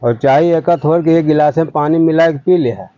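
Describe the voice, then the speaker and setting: A man with an Awadhi accent talking in a breezy, sure-of-himself way as a village doctor in a comic sketch. His voice sits a little high for a man. The sound is muffled and lo-fi. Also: brisk, heavy background noise. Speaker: fake doctor in a comedy sketch. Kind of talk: rustic Awadhi comedy skit.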